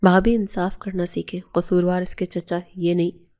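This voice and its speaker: A resentful, grieving woman of a family home in a storybook, read by a woman narrator. She accuses in a low, mellow voice, barely acted. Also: little pitch movement, natural voice.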